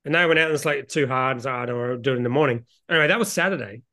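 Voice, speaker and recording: A man's voice: mid-range voice, racing, pushed and bright. A man with an Australian accent co-hosting a casual chat, blunt and sweary as he talks and tells stories. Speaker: beer show co-host.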